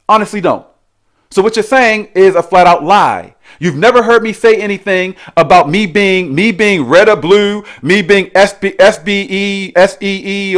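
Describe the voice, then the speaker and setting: Guy with a real high voice going off on a rant, keeps repeating himself and daring her to prove it. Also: fairly bright tone. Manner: argumentative, repetitive, challenging. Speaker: commentary channel host. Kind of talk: reaction rant.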